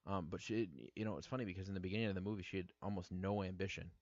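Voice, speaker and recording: A very deep-voiced man co-hosting a casual podcast, rambling through a movie retelling with fillers and restarts. The recording is dull and lo-fi, with a dry, close sound on a near mic. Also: little pitch movement, rapid-fire, no room sound. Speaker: podcast co-host.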